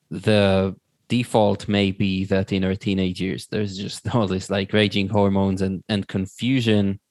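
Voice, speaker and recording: Slow, flat-voiced man, dry sound. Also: on the low side, dry recording. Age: 30s. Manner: slow, halting, thoughtful questions. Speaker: podcast host. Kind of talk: casual conversation.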